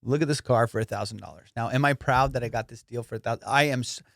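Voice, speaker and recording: In a quick, mid-range voice with vocal fry, this young comedian and podcast host spins profane, bragging tales as a laid-back monologue punctuated by excited bursts. The studio-quality audio has no echo.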